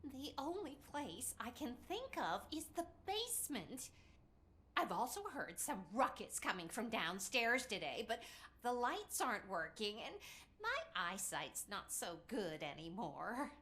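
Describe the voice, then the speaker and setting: Female, high and very animated fretful old woman, pleading game character. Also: a little slow, exaggerated voice. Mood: worried, pleading. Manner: pleading, emotional, plaintive. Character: fretful elderly lady, devoted cat owner. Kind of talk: video game dialogue.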